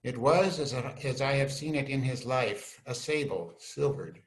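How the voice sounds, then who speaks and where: Heard through a low-quality video-call recording from indoors, an amateur male actor with a mid-range voice takes on an earnest young scholar who stands loyally by a prince. He sounds animated, earnest and assured, yet keeps the Shakespearean verse measured and respectful, like a staged reading.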